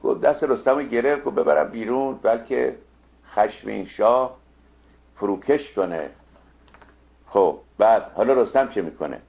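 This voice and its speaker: A man's voice: medium pitch, gravelly, pauses often. Guy lecturing on old poetry, picky about every word, sounds thin like over a phone line. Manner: exacting, corrects wording point by point. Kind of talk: lecture with slow chanted verse recitation.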